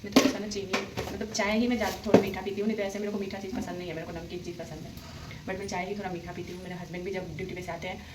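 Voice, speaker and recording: A young woman talking through her household chores in a casual daily vlog, rambling, speaking softly and holding the phone herself. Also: medium pitch, level tone, rapid-fire, far from the mic. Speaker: vlogger. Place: home kitchen. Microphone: handheld phone. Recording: echoey room with household noise.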